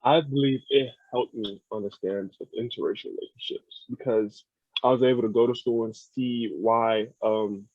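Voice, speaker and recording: A man's voice: medium pitch, steady tone, normal speed, dry recording. Young man on a tinny phone-like line. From United States. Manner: earnest, thoughtful, repeats words while thinking. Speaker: podcast guest. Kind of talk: casual podcast conversation. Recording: dry, phone-like sound.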